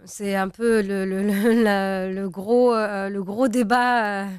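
A woman's voice: medium pitch, steady tone, takes it slowly, a little mellow, smooth, no room sound, studio quality. A young Tunisian woman, a native Arabic speaker, answering interview questions as a singer, speaking hesitantly with many fillers and restarts. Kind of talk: interview conversation.

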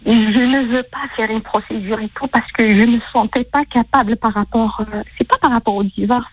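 A woman's voice: a little high, fairly even intonation, a little fast, no room sound. A woman calling in to tell her story, rambling and repeating herself with many fillers, over a tinny phone line. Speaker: caller. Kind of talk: emotional call-in testimony.

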